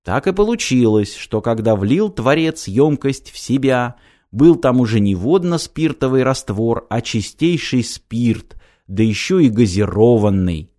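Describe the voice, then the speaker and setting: Brief: male storyteller, expressive mock-solemn fairy-tale reading, animated melody. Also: medium pitch, unhurried. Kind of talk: read fairy-tale narration.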